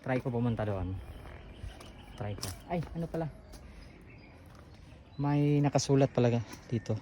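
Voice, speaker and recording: A man's voice: medium pitch, expressive, unhurried, dark tone, slight background noise. A man, out of breath, chatting casually to viewers as he explores a hillside trail outdoors on a handheld camera. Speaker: vlogger. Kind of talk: casual running vlog narration.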